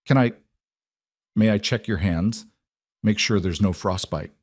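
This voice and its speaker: A man playing a rough, gruff frontier farmer in a storybook narration, speaking earnestly. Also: on the low side, measured pace, no echo, clean studio sound. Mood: gentle.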